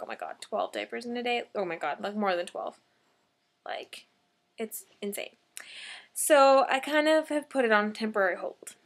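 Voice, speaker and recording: Chatty young woman, high voice. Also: bright, forceful tone. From Canada. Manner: chatty, filler-heavy, self-deprecating. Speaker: vlogger. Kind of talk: casual vlog chat.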